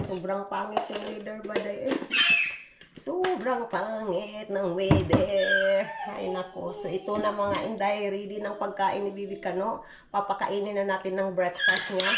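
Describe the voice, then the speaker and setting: A woman chatting casually to her viewers in a home vlog, calling them "day" and "Inday" and now and then cheering at her toddler. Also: very noisy. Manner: chatty, frequent "day" and "mga Inday" asides; coos and cheers at her toddler in high bursts. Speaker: vlogger. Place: snowbound house, indoors and at the door.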